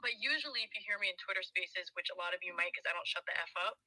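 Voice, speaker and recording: A woman's voice: fairly low pitch, expressive, very fast, pushed and bright, dry recording, poor audio. Playful woman in a sports betting chat. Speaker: guest bettor.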